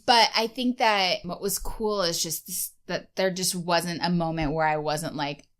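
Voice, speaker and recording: Smooth-voiced woman podcast co-host. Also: lowish voice, steady tone, measured pace. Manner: chatty, many "like" fillers. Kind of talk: casual chat.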